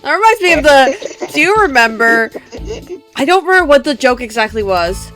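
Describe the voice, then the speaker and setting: Teasing young woman streamer, high voice. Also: sing-song, normal speed, sharp tone, faint music behind. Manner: teasing, laughing often. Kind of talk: casual let's-play chat.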